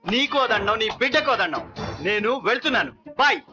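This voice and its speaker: A man's voice: very high-pitched, expressive, brisk. An actor playing a young male student and new father who is overwhelmed and bitter. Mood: angry. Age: young adult. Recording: dull film soundtrack with loud music.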